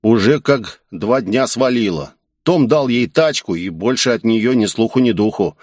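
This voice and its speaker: A man voicing an excitable young man who talks in slangy bursts and thinks he is a gangster. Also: mid-range voice, unhurried, dry recording, studio quality, pitched above the performer's own voice. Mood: worried. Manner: excited, rambling street slang.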